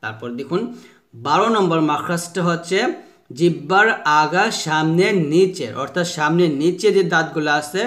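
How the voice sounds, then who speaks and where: A man giving a patient pronunciation lesson for Quran recitation, modelling each letter sound slowly and having listeners repeat after him. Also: on the high side, a bit bright. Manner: slow drawn-out modelling of letter sounds with repetition drills; patient, repeats each point several times.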